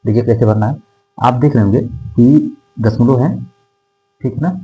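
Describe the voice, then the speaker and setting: A man's voice: mid-range voice, warm tone, breathy edge, dull audio. A male math teacher explaining decimals to a class, reading out numbers digit by digit and checking in with his students again and again. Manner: repetitive, checks in with "theek hai" constantly; dictates numbers slowly digit by digit. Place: classroom with whiteboard.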